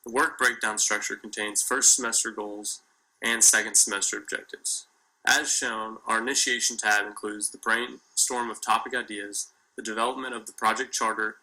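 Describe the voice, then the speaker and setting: A young man from Kentucky, a student reading a formal class presentation in a steady manner. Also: on the low side, poor audio.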